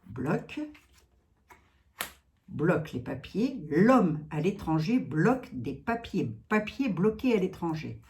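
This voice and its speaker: A woman's voice: fairly low pitch, very animated, slow, a little mellow. A French-speaking woman doing a card reading, chatting casually with her viewers and filling her talk with asides. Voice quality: chatty, talks to viewers, many asides and "hein". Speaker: card reader.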